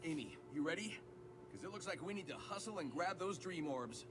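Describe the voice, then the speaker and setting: A man's voice: a little high, lively intonation, fairly quick, background noise, close to an everyday voice. A man voicing a cocky, upbeat young hedgehog hero in a video game, with a breezy, confident delivery. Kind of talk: scripted video game voice acting. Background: game music.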